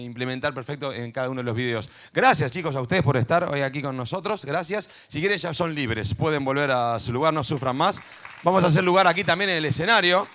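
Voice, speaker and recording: A man hosting a school event on stage, chatting and joking with teachers and kids, cheering one moment and dropping into low asides the next. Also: bright, forceful tone. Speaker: event host.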